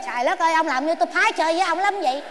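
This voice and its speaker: A woman with a Southern Vietnamese accent playing a stubborn, sharp-tongued old wife who bickers with rapid comebacks in a comedy sketch. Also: extremely high pitch, over music. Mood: bickering. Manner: quarrelsome, exclaiming, rapid comebacks. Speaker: comic actress. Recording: noisy background ambience.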